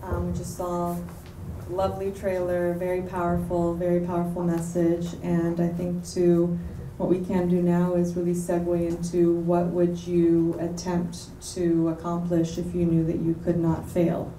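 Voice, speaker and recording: A woman moderating a panel at a bookstore event, speaking in a measured way with some fillers. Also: fairly low pitch, monotone, mellow. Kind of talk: panel discussion. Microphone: handheld mic. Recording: roomy, distant, light noise.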